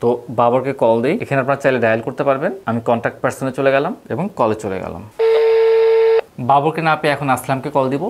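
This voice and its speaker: A woman rattles through a casual gadget review at a rapid clip. Her voice sits low for a woman. She is chatty, keeps turning to the viewers, and drops English words into her talk. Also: background noise. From Bangladesh. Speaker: tech shop product reviewer. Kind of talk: casual hands-on product review.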